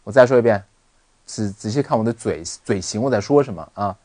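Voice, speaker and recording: Male online English tutor, animated delivery with a dry, close mic. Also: fairly low pitch, fairly quick, no room sound. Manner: animated, repeats words for drill. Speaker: English teacher. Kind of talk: online lesson.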